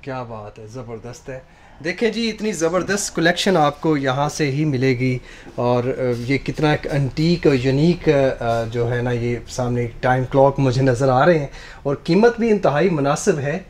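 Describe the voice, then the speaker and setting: A man's voice: medium pitch, measured pace, darkish tone. A Pakistani man hosting a casual shop tour, asking questions and admiring the goods effusively. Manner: effusively admiring, repeating praise. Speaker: host. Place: inside a shop.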